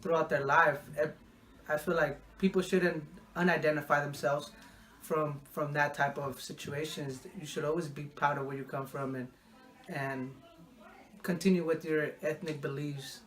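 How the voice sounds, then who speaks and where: Young man giving halting interview answers. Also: fairly high pitch, steady tone, a bit bright. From Mexico. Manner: halting, repeats words while thinking.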